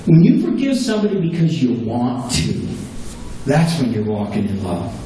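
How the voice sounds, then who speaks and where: This pastor's warm, mid-range voice swoops wildly in pitch as he preaches a sermon at moderate pace in a small church, earnest and repeating key phrases for emphasis. The sound, from a distant camera at the back, is echoey with a faint hum.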